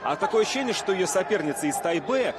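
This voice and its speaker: A man commentates live on boxing in a fairly high voice. A roaring crowd and heavy arena noise sit behind him throughout the broadcast. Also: expressive, fast. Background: noisy arena crowd.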